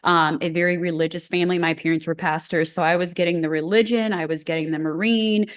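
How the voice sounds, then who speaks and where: A woman with a slightly low-pitched voice tells her story as a doctor guest in an interview. She talks fast and emphatically, with lots of energy. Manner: animated, quick, emphatic. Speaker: guest functional medicine doctor.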